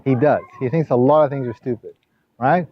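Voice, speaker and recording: A male tennis coach runs a sports coaching session at a brisk clip, rambling and repeating himself with many restarts, and his voice rises loud and high when he scolds. The audio is dull lo-fi from a camera.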